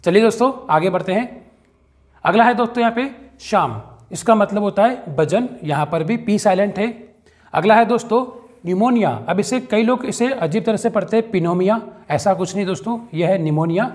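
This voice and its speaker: High-voiced man teaching English. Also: normal speed, darkish tone. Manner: explains rules step by step, addresses viewers as friends. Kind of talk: spoken English lesson.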